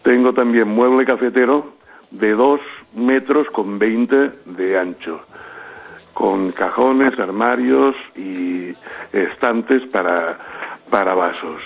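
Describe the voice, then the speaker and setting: A man's voice: lowish voice, slow, creaky. Man calling in over a tinny phone line. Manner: hesitant, listing goods with many fillers. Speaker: caller.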